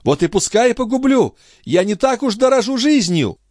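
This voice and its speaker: A man's voice: big pitch swings, normal speed, dry recording, clean studio sound. A man voicing a frantic young noble mother. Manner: pleading, rising to shrill commands. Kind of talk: audiobook character reading.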